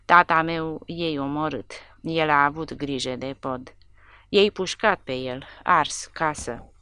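A woman's voice: low-pitched, bright, forceful tone, smooth. A woman voicing a frightened Polish farmer who pleads in broken speech. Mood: pleading.

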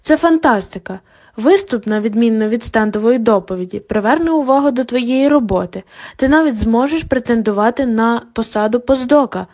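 A composed female professor from an audiobook, encouraging yet firm with her student, as a woman reader puts her on. The voice is a touch high. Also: normal speed, a little mellow. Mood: enthusiastic. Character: calm confident female academic supervisor.

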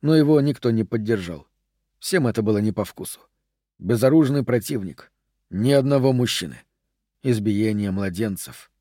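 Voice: man, measured audiobook narrator. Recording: dry. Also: on the low side, lively intonation, mellow, dry recording.

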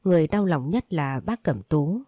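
Low mellow woman reading a story. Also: animated, moderate pace, no echo, studio quality. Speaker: narrator.

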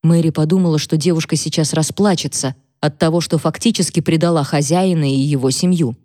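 Brief: woman audiobook narrator, measured and low-pitched. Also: steady tone, mellow, dry recording, clean studio sound. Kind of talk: scripted narration.

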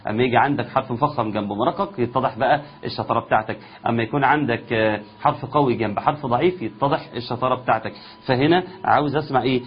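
A man with an Egyptian Arabic accent teaching tajweed. He explains the rules quickly in a conversational way and slows down to chant the verses. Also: mid-range voice, dull audio, slight background noise. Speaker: Quran recitation teacher. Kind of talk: tajweed lesson with chanted recitation.

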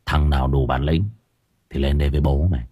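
A man's voice: flat delivery, fast talker, slightly rough, highs cut off. A man doing a growling street-tough gangster. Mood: stern. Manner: low growling gangster swagger. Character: thuggish male street tough, gruff menace.

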